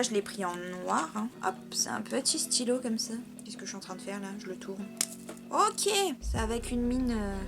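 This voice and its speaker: A young woman chatting casually in a beauty vlog, self-mocking and talking while she tries on makeup. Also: on the high side. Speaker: beauty vlogger. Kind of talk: casual makeup tutorial chat.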